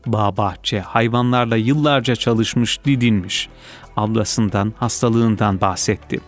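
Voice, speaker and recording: A man reading a personal essay aloud in a calm, measured, reflective way. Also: fairly low pitch. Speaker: reader. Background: faint music.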